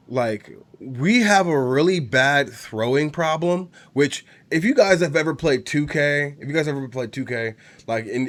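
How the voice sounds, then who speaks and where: A young man with a cold and a congested voice, ranting casually about gaming in a profane, rambling, heated way. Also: mid-range voice. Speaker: gaming channel host. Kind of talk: casual rant to camera.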